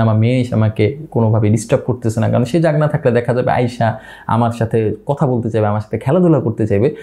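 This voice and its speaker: Bangladeshi male creator, 30s, chatty tutorial host, lively pitch, slightly high voice. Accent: Bangladeshi Bengali. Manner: chatty, explains with repeated asides. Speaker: YouTube creator. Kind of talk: casual talking-head tutorial. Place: home at night.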